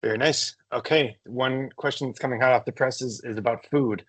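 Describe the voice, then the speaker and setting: A man's voice: medium pitch, steady tone, brisk, fairly bright tone, slightly rough. Hesitant man reading out questions. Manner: hesitant, reads out audience questions. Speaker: host. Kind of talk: live Q&A interview.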